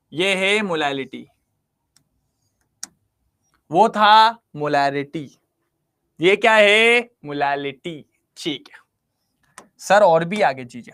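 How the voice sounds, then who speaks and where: A man's voice: sits high, fairly bright tone. A man teaching chemistry in an online class, constantly quizzing his students and coaxing them to answer.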